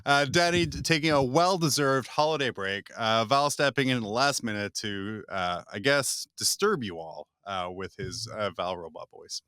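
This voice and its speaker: A man hosting a gaming podcast, talking in a joking, animated way and laughing often. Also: medium pitch, normal speed, hardly any pauses, clean tone, no room sound. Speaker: podcast host. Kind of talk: casual chat.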